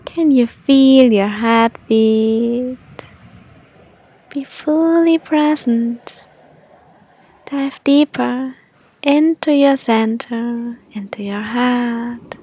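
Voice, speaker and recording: High, slow, breathy female meditation guide. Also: steady tone, warm tone.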